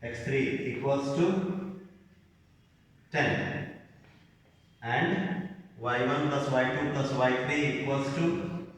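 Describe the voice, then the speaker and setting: A man teaching a maths lesson in Indian English, talking his way slowly through each step as he works it out on the board. His voice comes from a distance and rings with a long, hollow echo. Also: medium pitch. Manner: spells out each coordinate and step aloud while writing. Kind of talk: slow board-work lesson, dictating steps. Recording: echoey room, voice from a distance.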